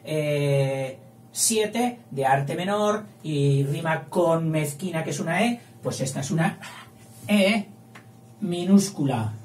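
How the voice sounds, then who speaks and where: A man's voice: a little high, expressive, a little mellow. Man teaching verse in a roomy class. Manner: chatty, counts syllables aloud, reads verses slowly. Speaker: literature teacher. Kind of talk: explaining poetic meter at a whiteboard. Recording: roomy, distant mic, faint hum.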